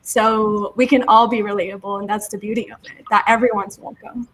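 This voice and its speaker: A woman's voice: medium pitch, steady tone, brisk, a bit bright, poor audio. A woman who makes videos, speaking as a guest in an upbeat, encouraging way. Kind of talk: casual chat.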